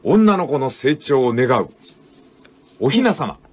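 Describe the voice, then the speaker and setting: An older man hosting a radio talk show, commenting on a book in a folksy storytelling way with drawn-out emphatic phrasing. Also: mid-range voice, sing-song, a little mellow. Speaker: radio host.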